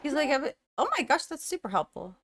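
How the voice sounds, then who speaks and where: A woman's voice: high voice, very animated, fast, noisy background. A young woman hosting a first-time movie reaction, musing aloud and gasping and exclaiming as she watches. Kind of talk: casual movie reaction commentary.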